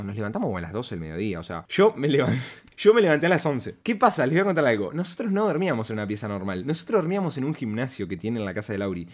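A man with a Rioplatense Argentine accent telling a casual storytime vlog. He is slangy and emphatic, with big swings between loud high bursts and quiet low asides. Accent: Rioplatense Argentine Spanish. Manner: slangy and emphatic, often saying "amigo" and "¿se entiende?".

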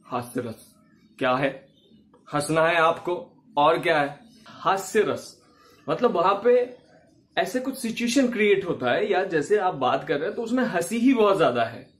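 A man's voice: on the high side, a bit bright. A man teaching acting in a casual, chatty way, laughing often and acting out sample lines.

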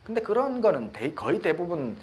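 A man's voice: high-pitched, sing-song, normal speed, slightly rough. A middle-aged Buddhist monk, giving a conversational dharma talk and often checking that his listeners agree. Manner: conversational, asks the audience for agreement; laughs at his own stories.

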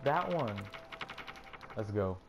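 Young man, gameplay commentary, exasperated yelps, lively pitch, game music behind. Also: slow pace. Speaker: gamer.

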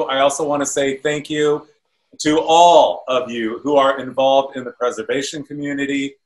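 A man's voice: medium pitch, a bit bright. A man in his fifties hosting in an upbeat, exclamatory showman's way, speaking to camera on a video call. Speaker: awards show host. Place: indoor room at home. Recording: roomy video call sound.

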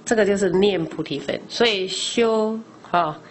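A woman's voice: medium pitch, a little slow, slight background noise. A woman lay teacher giving a Buddhist class in a conversational lecture style, posing questions to the audience and answering them herself. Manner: explains by asking rhetorical questions and answering them; frequent discourse particles, conversational teaching.

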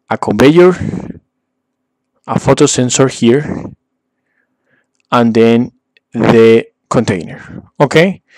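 A man's voice: mid-range voice, a little mellow, dry recording. Man narrating a screen tutorial, dry sound. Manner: frequent "okay?" check-ins and "uh" fillers. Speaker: tutorial instructor. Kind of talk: screen-recorded software tutorial.

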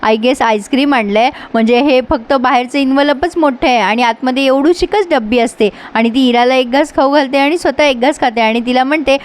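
A woman's voice: sits high, brisk, hardly any pauses. A woman chattily retelling a TV serial episode, talking straight to her viewers and commenting along the way. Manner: chatty, addresses viewers directly, comments on the plot. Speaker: serial recap vlogger.

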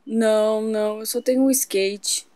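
A woman's voice: fairly high pitch, steady tone, a little slow, dark tone, lightly acted. A woman voicing a cheerful toy boy who reassures his friend about a bold plan. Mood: reassuring.

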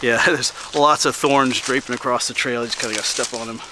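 With a mid-range voice, this middle-aged Pennsylvanian narrates his winter forest hike in a loose, conversational way. Slightly out of breath, he pauses between remarks, and outdoor noise comes through his on-camera mic.

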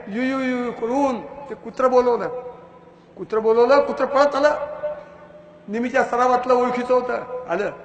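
Fiery high-voiced man orating in a hall. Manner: fiery, declamatory, insulting. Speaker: public speaker. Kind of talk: impassioned public lecture. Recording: echoey hall with long reverb.

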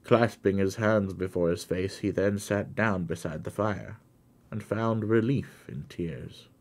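A man reading a classic story aloud for his stream, slow and deliberate, rising for the quoted lines. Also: low-pitched. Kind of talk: dramatic audiobook reading.

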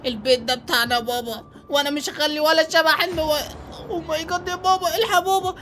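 A woman voicing an excitable young boy with an Egyptian accent, full of eager exclamations. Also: high voice, fast, a little hiss or hum. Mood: excited. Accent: Egyptian Arabic. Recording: faint music behind.

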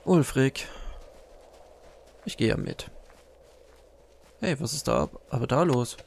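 Gravelly let's play guy chatting. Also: medium pitch, takes it slowly, slight background noise. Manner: chatty, talks to himself and to game enemies. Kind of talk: casual gameplay commentary. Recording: game music loud behind.

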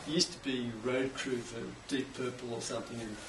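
A middle-aged Australian man explaining his craft in a relaxed interview, with an enthusiastic musician's manner. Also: medium pitch, a little fast. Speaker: guest, cajon maker. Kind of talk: casual interview. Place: indoors, home workshop. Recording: echoey room, mic at a distance, faint background hiss.

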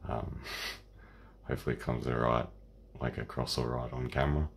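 An Australian man hosting a casual card-opening video, talking in a relaxed, rambling way through a croaky voice. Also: very deep voice, moderate pace. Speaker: channel host. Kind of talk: casual unboxing chat.

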